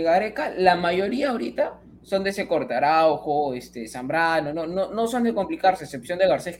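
A man giving long, rambling football analysis on a casual stream. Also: a little high. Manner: rambling, repeats himself while arguing his point. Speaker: football pundit.

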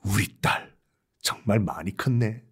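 A man voicing a disguised avenger speaking low and hushed to himself and his friend. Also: measured pace, husky, heavily acted. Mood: wistful.

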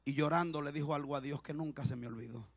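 A male pastor preaching a sermon with passion, swinging between shouts and hushed, quiet talk. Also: on the high side, quick pace, dry recording.

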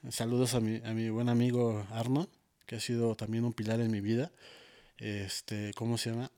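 A man's voice: mid-range voice, little pitch movement, moderate pace, warm tone. A man with a Mexican Spanish accent, a guest in a casual interview, telling his testimony with many fillers and quoted dialogue. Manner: storytelling, quotes himself and others, many fillers. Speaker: interview guest, worship musician.

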